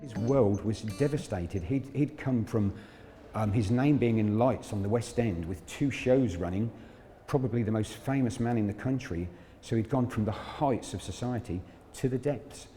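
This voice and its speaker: Acting as a prison guide, a man gives an informal, explanatory history talk in a mellow, somewhat low voice at a normal speed. He's inside a large prison building where long echoes ring out, with faint music and light background noise behind him.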